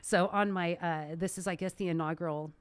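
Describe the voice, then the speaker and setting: A woman's voice: on the low side, fairly even intonation, a little fast, smooth, no echo. A woman hosting her podcast in casual conversation, laughing often and talking with animation. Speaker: podcast host.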